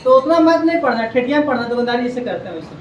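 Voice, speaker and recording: A man's voice: extremely high pitch, sing-song, rapid-fire, recorded from a distance, dull audio, slight background noise. A male coaching teacher, lecturing a class and drilling facts by repeating them and quizzing his students. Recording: echoey classroom, heard from afar.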